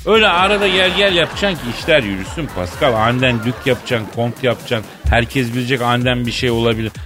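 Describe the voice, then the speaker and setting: A man hosting a radio comedy show, telling a rambling tall tale in a deadpan way, in a studio. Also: medium pitch, quick pace, music in the background. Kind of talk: comic storytelling.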